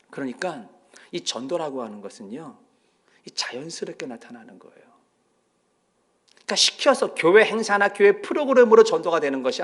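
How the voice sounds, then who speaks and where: A man preaching a sermon as pastor, telling stories and acting out the voices of the people in them. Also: high voice. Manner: animated storytelling, acting out quoted voices. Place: church sanctuary.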